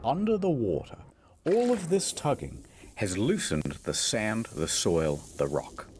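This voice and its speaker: A man's voice: fairly low pitch, huge pitch swings, a little slow, a little mellow, a little hiss or hum. A man giving scripted comedic narration for a documentary video, telling the story in a dry, mock-dramatic way.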